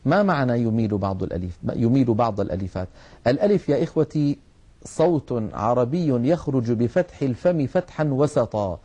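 Mellow-voiced man teaching recitation. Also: mid-range voice, lively intonation, fairly quick, slightly rough. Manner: patient explaining, drawing out sounds to demonstrate. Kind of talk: religious lesson on recitation rules.

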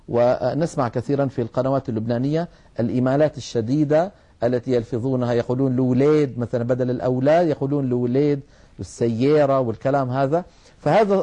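A man's voice: medium pitch, mellow. A man teaching the rules of Quran recitation, explaining patiently and drawing out sounds to demonstrate them. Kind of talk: religious lesson on recitation rules.

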